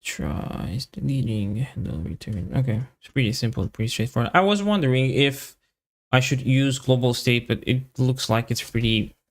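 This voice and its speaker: Thinking out loud as he codes live, a man offers casual commentary in muttered, halting fragments with long pauses. His voice is medium-pitched and animated.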